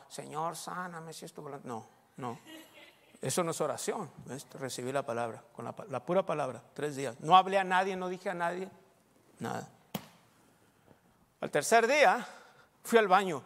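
High-voiced pastor in echoing hall. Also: male voice. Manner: joking testimony, loud and animated at times. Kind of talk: sermon. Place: church hall. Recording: long hall reverb.

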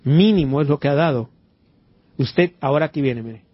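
A man's voice: a little high, moderate pace, no echo. A man preaching a sermon in church, quizzing the congregation and throwing in amens and hallelujahs. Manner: preachy, asks the congregation questions, interjects amen and hallelujah. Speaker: pastor. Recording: dull lo-fi church recording.

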